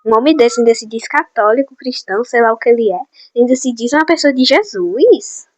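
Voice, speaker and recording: A teenage girl telling school gossip to her viewers in a chatty, animated way, on a phone mic in a small room. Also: a little high, a little fast, dry recording. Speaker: vlogger. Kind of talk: casual gossip storytime. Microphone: phone or headset mic.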